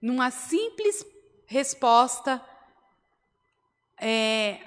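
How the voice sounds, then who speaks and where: A woman with a Brazilian Portuguese accent delivers a sermon in a fairly high voice. She tells the story steadily, then presses home her point with rising emphasis. A long reverb hangs around every phrase. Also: very animated, drawn-out words. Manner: storytelling, swells to emphatic exhortation. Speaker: preacher. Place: church hall, indoors.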